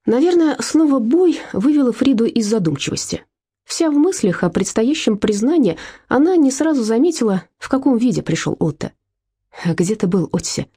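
A woman narrating a novel in an even storytelling manner, as an audiobook narrator. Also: on the high side, brisk, breathy edge. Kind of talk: scripted narration.

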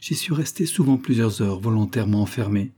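A man's voice: on the low side, animated, a little fast, husky. A man doing a timid young woman. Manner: soft, hesitant.

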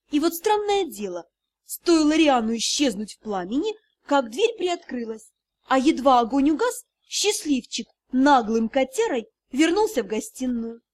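A woman reads a fantasy audiobook aloud. Her voice is high and very lively, rising and falling all the time. The narration is scripted and expressive. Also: moderate pace.

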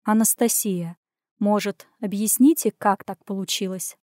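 A woman's voice: medium pitch, a little mellow, clear, resonant tone, dry recording, natural voice. A woman reading a story voices a stern, restrained middle-aged male department head who speaks curtly and dryly. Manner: curt, dry, measured.

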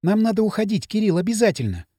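A male audiobook reader voicing a timid, earnest young girl with a soft, pleading manner. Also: high-pitched, sing-song, fast, dry recording, studio quality. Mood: urgent. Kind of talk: audiobook character voice.

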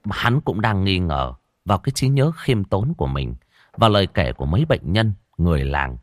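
Deep dramatic man telling a ghost story, voice swings a lot, dry close mic. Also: normal speed, no room sound. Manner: dramatic, expressive. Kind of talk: scripted horror narration.

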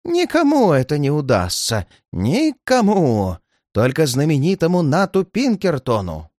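Old man, terrified and paranoid, high and shaky, always near tears; a male reader puts him on. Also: huge pitch swings, measured pace, a little mellow, no room sound, studio quality. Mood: frantic, fearful. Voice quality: shrill, shaky, pleading. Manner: frantic outbursts, near tears. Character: frightened paranoid old man, shrill and tearful.

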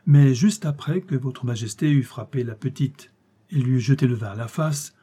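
A man reading aloud who voices a crippled dwarf jester speaking calmly and deliberately. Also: medium pitch, breathy edge, natural voice. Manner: calm, measured speech. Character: crippled male dwarf jester, quietly vengeful.

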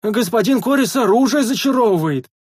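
A man voicing a young male sentry in an audiobook, wailing in a high, strained voice. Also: animated, a little fast, darkish tone, breathy edge, no room sound, studio quality, full character voice. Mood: pleading. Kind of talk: audiobook character voice.

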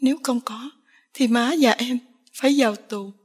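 A woman's voice: on the high side, moderate pace, breathy edge. Woman reading as a tearful young village girl. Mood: sad tearful. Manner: tearful, pleading.

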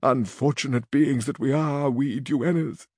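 A man's voice: mid-range voice, steady tone, measured pace, darkish tone, slightly rough, dry recording, clean studio sound. A man reading aloud and voicing a distressed noblewoman with florid, lamenting speech.

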